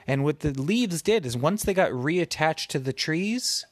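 A father telling his child an improvised bedtime story in a gentle, patient way. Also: a little high, expressive, unhurried, no echo.

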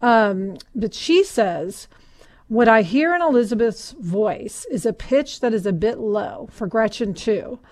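An American woman co-hosting a casual podcast, with a slightly hoarse voice, gravelly vocal fry and a self-deprecating manner. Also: a little high, expressive, slow, a little mellow. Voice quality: somewhat hoarse. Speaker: podcast co-host.

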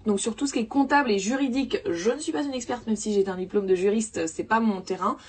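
A woman's voice: fairly high pitch, quick pace, slightly rough. A woman hosting a casual podcast about coffee. She explains each step plainly, with fillers as she thinks aloud. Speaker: coffee consultant and podcast host.

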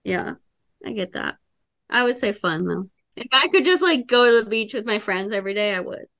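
A woman's voice: mid-range voice, lively intonation, normal speed, a bit bright. A young woman co-hosting a podcast, easygoing and casual, laughing often and adding agreeing asides. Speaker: podcast co-host. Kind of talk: casual chat.

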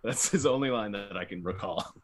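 A man co-hosting a casual podcast, wry and quick to laugh, tossing in silly impressions. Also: lowish voice. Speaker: podcast co-host. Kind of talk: casual chat.

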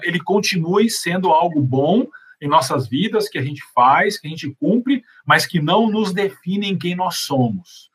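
Man, Brazilian accent, husky, slightly high-pitched, conversational religious teaching, explanatory panelist. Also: fairly bright tone. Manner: explanatory, uses everyday examples. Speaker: panelist answering questions on faith.

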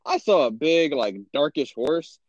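A young man with a Texan accent tells stories on a casual podcast, and his voice swoops up and down as he acts out his own reactions. His voice sits fairly high for a man. The sound is dry and a little dull, like a lo-fi recording. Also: expressive, measured pace, dry recording. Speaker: podcast host. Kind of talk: casual chat.

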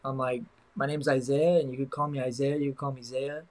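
A man's voice: medium pitch, little pitch movement, a little fast, a little mellow, rough recording. Rambling young man in casual chat. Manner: rambling, many fillers like "you know". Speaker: podcast co-host.

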